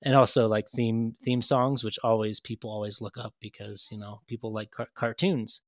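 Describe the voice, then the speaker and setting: A man's voice: fairly low pitch, level tone, normal speed, dry recording. Rambling man, casual podcast chat. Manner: rambling, many restarts and fillers. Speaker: podcast co-host.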